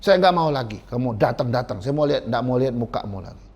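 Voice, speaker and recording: A man acting out a short, hot-tempered father who scolds and shouts at a visitor. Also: mid-range voice, lively intonation, fast, slightly rough, voice pushed down. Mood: angry scolding.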